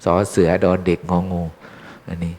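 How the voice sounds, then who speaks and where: A Buddhist monk with a slightly mellow voice and moderate pace gives an informal, chatty dharma talk, teasing listeners with questions. He is in a temple hall, and the recording carries a long hall reverb.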